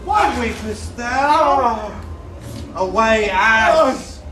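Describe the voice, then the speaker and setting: A man's voice: extremely high pitch, animated, extremely slow, heavily acted. A man playing an impatient, scolding servant. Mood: urgent. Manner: scolding, urgent, breaking into laughter. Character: impatient male servant hurrying a friend. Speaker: stage actor. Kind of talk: live Shakespeare comedy performance. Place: theatre performance space. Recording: distant echoey stage recording with background noise.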